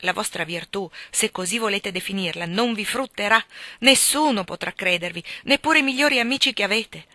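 A woman reading the lines of an impassioned young gentleman suitor who pleads insistently, rising to loud outbursts. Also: medium pitch, a little fast, no echo, lightly acted. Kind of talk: audiobook reading.

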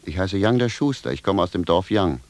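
A blunt peasant shoemaker in a 1970s radio play, bewildered and gruff as he demands answers. His voice is very low, with lively swings in pitch, and it sits close in a dry recording. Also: brisk, dry recording. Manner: gruff, plain-spoken, indignant. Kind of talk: 1970s radio drama acting.

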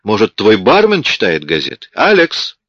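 A smug, sharp police detective who mocks and gives orders coolly, as a male narrator plays him. The voice is low and dry. The recording sounds dull and muffled. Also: huge pitch swings, normal speed, no room sound, heavily acted. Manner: mocking, cool, commanding.

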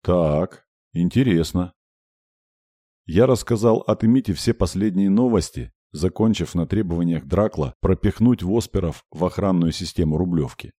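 A man narrating a first-person audiobook in an expressive, wry way. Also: sits low, moderate pace, hardly any pauses, dry recording, studio quality.

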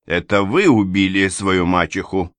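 A man's voice: low-pitched, a little slow, no echo. A man voicing a stern, controlled provincial police investigator who presses hard with questions. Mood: accusing.

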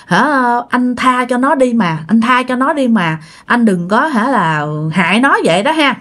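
A woman's voice: fairly high pitch, expressive, measured pace, a bit bright. Woman voicing a begging desperate mother. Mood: pleading. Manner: begging, tearful pleading. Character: desperate middle-aged mother pleading for her son.

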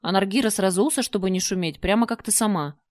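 A woman's voice: mid-range voice, fast talker, a little mellow, no echo, studio quality, natural voice. A woman voicing an ancient female spider monster that murmurs slyly and grumbles, in an audiobook reading. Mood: smug. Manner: murmuring, sly, clicking and smacking.

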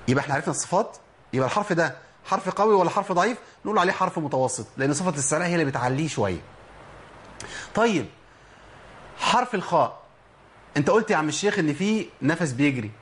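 A man with an Egyptian accent teaching tajweed, asking himself questions and then answering them, and demonstrating letter sounds. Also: a little high. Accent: Egyptian Arabic. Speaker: Quran recitation teacher. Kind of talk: tajweed lesson.

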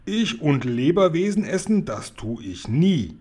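A man voicing a big, friendly male giant who booms and muddles his words while reading a storybook aloud. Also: big pitch swings, a little slow, a little mellow, breathy edge, full character voice. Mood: boisterous.

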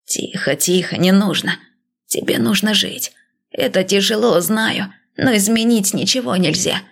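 Woman reading as soft-spoken male god, hesitant, reassuring, slightly gravelly, storybook reading. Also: mid-range voice, a little slow. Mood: gentle. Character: male god, gentle, cautious comforter.

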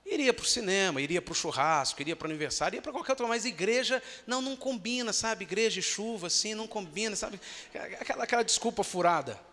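A man preaching an animated sermon as a pastor and acting out the voices of churchgoers. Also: sits high, fast talker, few pauses. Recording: long hall reverb.

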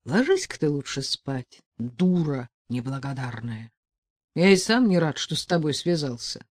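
A woman voicing a rude, bossy male thug who talks slowly and loudly in gruff threats. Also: medium pitch, very animated, dry recording, clean studio sound. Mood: weary, grumbling.

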